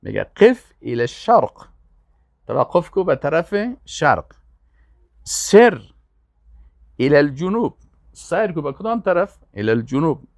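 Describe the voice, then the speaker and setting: A man's voice: fairly high pitch, big pitch swings, gravelly, no room sound, studio quality. Older Afghan man teaching Arabic words. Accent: Afghan Dari. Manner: patient, repeats words slowly for pronunciation. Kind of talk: language lesson.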